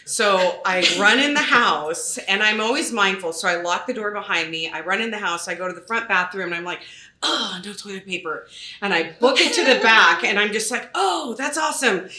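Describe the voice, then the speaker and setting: A woman real estate agent telling a story in a panel chat, animated and acting out her own quotes. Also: mid-range voice, a little fast, hardly any pauses, slight background noise. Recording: roomy echo.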